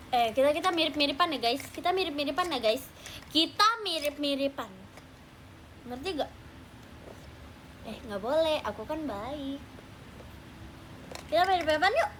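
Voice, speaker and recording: A woman's voice: sits high, fairly bright tone, a little hiss or hum. A teenage girl hosting a casual livestream chat with fans, playful and teasing, talking at home at night. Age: teens. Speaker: idol livestream host.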